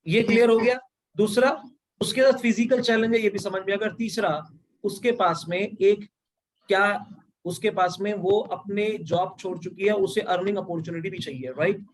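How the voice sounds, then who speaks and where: High-voiced man teaching sales on a call. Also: normal speed, low-quality recording. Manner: explains step by step, mixes English into Hindi, asks "right or wrong?". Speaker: sales trainer. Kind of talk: live online training session.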